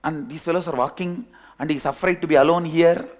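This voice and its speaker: A male spiritual teacher with an Indian English accent tells a parable in a higher, lively voice. He acts out the characters as he narrates, taking a storytelling sermon tone. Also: a little fast. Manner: animated storyteller, acting out characters.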